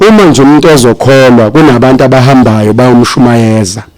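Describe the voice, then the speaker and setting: A man's voice: medium pitch, fast talker, darkish tone. A man with a South African accent and native Zulu, giving a sermon as guest preacher with repetitive, listing phrasing.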